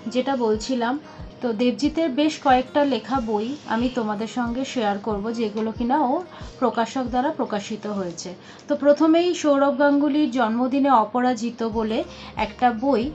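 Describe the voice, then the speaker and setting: A woman's voice: high voice, a little mellow. A woman chatting casually in a vlog, talking with frequent hesitations and restarts. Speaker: vlogger. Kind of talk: casual vlog chat showing books. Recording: slightly dull lo-fi sound with faint music.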